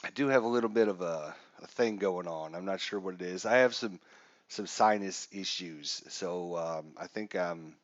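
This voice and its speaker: This live stream host has a lower voice and a congested nose, talking casually through a wargame setup and filling every pause. His mic gives dry, somewhat dull lo-fi sound without any echo.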